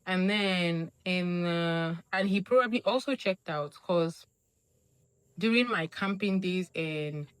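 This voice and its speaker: A woman's voice: slow, smooth. A young woman vlogger from Nigeria telling a casual storytime monologue, acting out quoted lines with big jumps in her voice. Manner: animated, acts out quotes with big pitch jumps.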